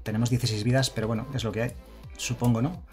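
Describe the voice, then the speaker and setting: A man's voice: medium pitch, steady tone, very fast, darkish tone, faint music behind. A man commenting live on his card game, chatting casually and reading viewer messages aloud. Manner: chatty, reads chat aloud and thanks followers. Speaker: streamer.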